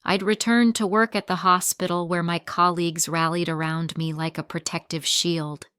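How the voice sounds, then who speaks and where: A woman narrating a first-person revenge story in a steady, even storytelling delivery, recorded close to the mic. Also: lowish voice, normal speed, clear, resonant tone, dry recording.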